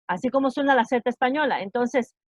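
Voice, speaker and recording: A woman's voice: high-pitched, brisk, dry recording, highs cut off. A woman teaching an online English class, explaining sounds patiently and checking understanding often.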